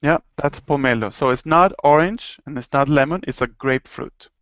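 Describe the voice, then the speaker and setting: A man's voice: on the high side, a bit bright, no room sound, muffled recording. A man from Argentina with an Argentine accent, teaching a Spanish lesson online and explaining things patiently. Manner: patient, explains slowly, chuckles at own jokes.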